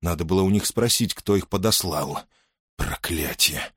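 This is scripted audiobook narration from a low-pitched man, delivered evenly and with measure. The studio sound is clean, without any room tone.

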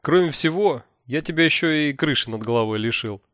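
A man's voice: mid-range voice, expressive, a little fast, dry recording, clean studio sound, lightly acted. A man reading an audiobook who voices a cheerful, smug male sorcerer mentor, talking in a breezy, jovial way. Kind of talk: audiobook character voice.

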